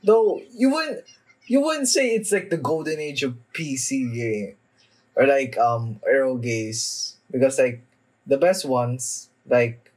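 Feeling somewhat under the weather with a cough, a young man hosts a video from a small indoor room at home, offering casual reaction commentary. He speaks in a mid-range, animated voice, though his delivery is halting and hesitant, and the recording quality is low.

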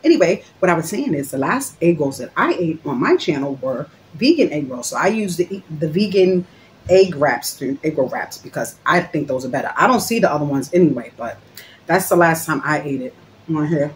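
A woman's voice: low voice, animated, a little fast, slight background noise. A woman hosting a mukbang, chatting casually and joking while she eats and talks with her mouth full, recorded on a phone. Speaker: mukbang host. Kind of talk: casual eating-show chat.

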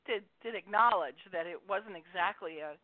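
Chatting casually on the radio by phone, a woman author spins stories and often laughs at her own expense. She speaks at a moderate pace with a medium-pitched voice, and the tinny line is dry, with no echo.

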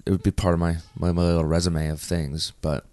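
A man's voice: low-pitched, brisk. A man in his thirties, a performer and guest, telling stories in a casual interview with lots of fillers and restarts. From United States. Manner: animated, many fillers and restarts.

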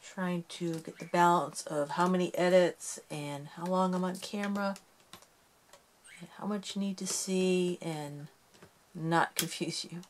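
A woman's voice: lowish voice, fairly even intonation, unhurried, slight background noise. A woman hosting a casual craft tutorial, chatty and self-deprecating as she talks through each step while working with her hands.

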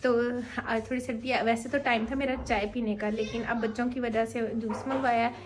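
Chatty Punjabi mom vlogging at home. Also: female voice, a little high, steady tone, normal speed, noisy background. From Pakistan. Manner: chatty, talks to camera and kids at once. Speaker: vlogger mother. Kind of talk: casual home vlog chat. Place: home bedroom.

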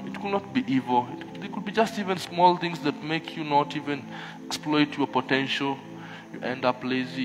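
A man's voice: fairly high pitch, low-quality recording. A middle-aged man with an East African accent preaching a church sermon, exhorting with rhetorical questions and repeated refrains. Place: church hall, speaking from a pulpit on stage.

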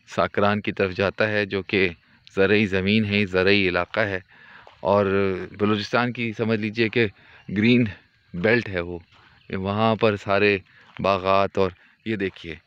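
A man gives calm, devout, descriptive commentary while walking a foggy rural track, filming on a handheld phone. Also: on the low side, clean tone, lo-fi sound.

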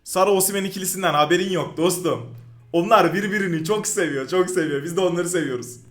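A man giving live commentary over his own football video game match, excitable and quick to yell in frustration at the game. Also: high voice, soft background music. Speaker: gaming YouTuber.

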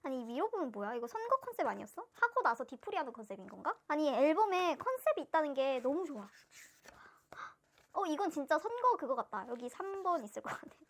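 A woman's voice: sits high, very animated, fast talker, fairly bright tone. A young woman gushing and gasping as she unboxes albums in a casual vlog. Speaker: fan vlogger unboxing albums.

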